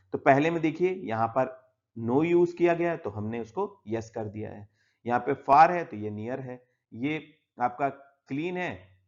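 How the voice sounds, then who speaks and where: A man at a middle pitch teaching a textbook lesson, speaking Hindi with English words mixed in. He works through each exercise step by step and checks in with "theek hai" as he goes. The recording sounds slightly dull and lo-fi. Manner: explains step by step, often saying "yahan pe" and "theek hai".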